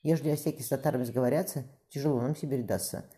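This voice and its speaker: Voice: medium pitch, fairly even intonation, very fast, mellow, natural voice. A reader voicing a stern, decisive Cossack ataman in an audiobook, speaking bluntly in old-fashioned speech. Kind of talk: audiobook character voice.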